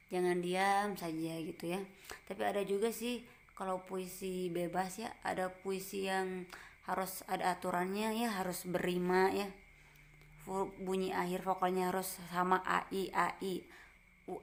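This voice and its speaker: A woman teacher giving a gentle lesson to a class, explaining step by step in short phrases and checking in with her pupils. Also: on the low side, slight background noise.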